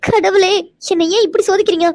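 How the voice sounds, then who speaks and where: A timid young village girl from a cartoon, voiced by a woman. She stammers and pleads in a very high, quick voice. The recording is dry and close. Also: fairly even intonation, a little mellow, no room sound. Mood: frightened. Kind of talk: cartoon voice acting.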